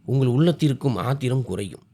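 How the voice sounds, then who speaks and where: A wounded young wife snaps back through her tears with bitter retorts, as a male storyteller puts her on. The voice is dark and husky, and its pitch swings about freely. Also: animated, fairly quick. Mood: bitter, hurt. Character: angry hurt young wife.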